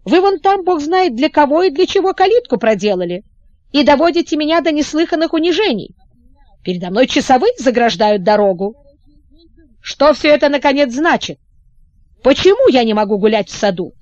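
A woman reading as a furious, shrill young prince. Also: expressive, measured pace, no echo, muffled recording. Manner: shrill, raging, sputtering. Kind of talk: audiobook character reading.

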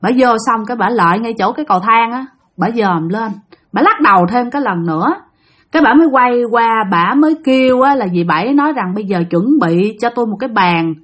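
A woman with a Southern Vietnamese accent narrating a spooky tale in a chatty, conversational way. Her voice sits a little high, and she keeps turning to her listeners as she tells it. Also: lively intonation, brisk. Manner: chatty, addresses listeners directly. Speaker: storyteller. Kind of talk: spoken ghost-story narration.

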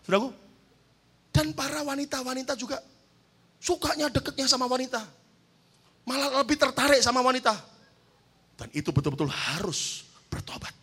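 A man preaching a sermon, fervent and storytelling, calling the congregation to say amen and rising into loud shouts. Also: very high voice, lively intonation, fairly quick, long pauses, husky. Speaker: pastor.

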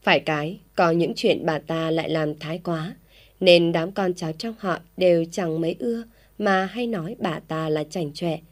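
Low-voiced woman reading a story. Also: moderate pace. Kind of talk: scripted story narration.

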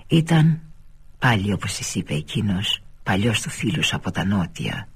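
Male literary narrator, low husky voice, deliberate storytelling delivery. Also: animated, fairly bright tone. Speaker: reader of a novel.

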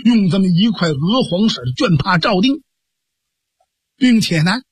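A man with a Beijing accent telling a traditional story in a lively, theatrical way. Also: high-pitched, measured pace, slightly rough, no echo, studio quality. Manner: lively, theatrical narration with fillers.

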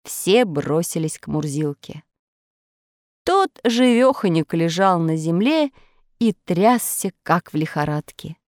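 Female storybook narrator, very lively pitch, dry close sound. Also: slow pace, dry recording. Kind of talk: storybook reading.

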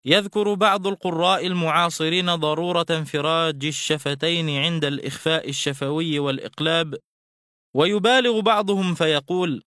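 A man teaching Quran recitation rules in a formal radio lesson, drawing out examples slowly and with measured care. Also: fairly high pitch, a bit bright, dry recording, studio quality. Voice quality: smooth, clear voice.

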